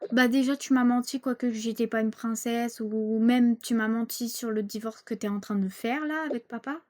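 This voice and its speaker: A woman's voice: a little high, fairly even intonation, moderate pace, a little mellow, lightly acted. A woman voicing an indignant teenage girl, almost eighteen, accusing her mother with casual slang. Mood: angry. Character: angry teenage girl nearly eighteen, rebellious.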